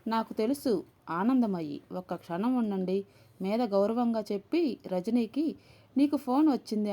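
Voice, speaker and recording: A woman's voice: medium pitch, mellow. A woman narrating a story and reading every character's lines in her own voice. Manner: reads all characters' dialogue in her own voice.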